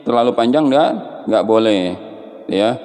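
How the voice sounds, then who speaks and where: A man teaching Quran recitation rules, explaining patiently and chanting drawn-out example verses. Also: medium pitch, expressive, darkish tone, long reverb tail. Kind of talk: tajwid lesson with chanted recitation.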